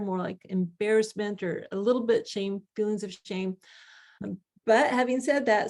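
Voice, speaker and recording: A woman with a medium-pitched voice explains things as a teacher talking informally to learners. Her delivery is conversational, with emphasis on key words. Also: a little mellow. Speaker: self-compassion teacher.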